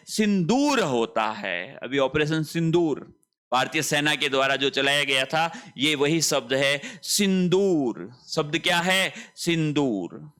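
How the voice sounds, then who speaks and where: A man's voice: a little high, bright, forceful tone, clear, resonant tone. A male Hindi teacher giving an online spelling lesson, repeating each word and asking and answering his own questions.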